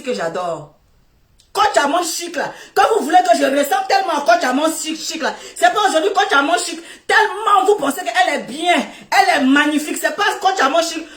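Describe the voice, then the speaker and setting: A high-pitched middle-aged woman with a West African French accent rants on a phone live stream, loud and laughing as she scolds. Her voice sits back from the mic in an echoey room. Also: far from the mic. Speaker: Facebook live host. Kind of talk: Facebook live rant.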